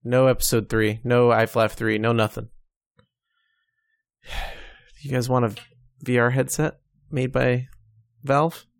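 A man's voice: medium pitch, flat delivery, gravelly, dry recording, clean studio sound. Wry man chatting on a podcast. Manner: wry, joking, quick to laugh. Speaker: podcast co-host. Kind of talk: casual gaming news chat.

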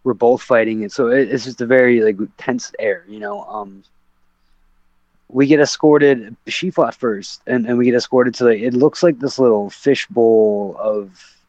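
Speaking a little slowly in a darkish mid-range voice, a professional MMA fighter guesting on a podcast rambles through a story, stopping and restarting with plenty of fillers. There's no room sound, just a dull, dry lo-fi quality.

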